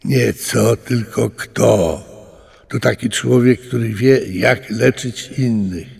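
Mężczyzna czytający bajkę podkłada głos surowemu, pouczającemu duchowi wulkanu, mówiąc głośno. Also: male voice, mid-range voice, slow pace, creaky, breathy edge, big-room sound, exaggerated voice. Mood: explaining. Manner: loud, lecturing. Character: booming male volcano spirit, stern and preachy. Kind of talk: storybook reading.

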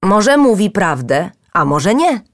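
Squeaky mischievous talking stones, high and jeering, storybook critters, a woman doing the voices. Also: expressive, a little slow, no echo, studio quality. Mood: flustered. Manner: teasing, jeering. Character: mocking little living stones, a cheeky group.

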